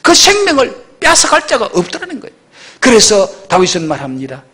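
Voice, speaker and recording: Sex: man. Role: pastor. Style: emphatic sermon, husky. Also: high voice, huge pitch swings, brisk. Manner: emphatic, repetitive, swinging loud and soft. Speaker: senior pastor.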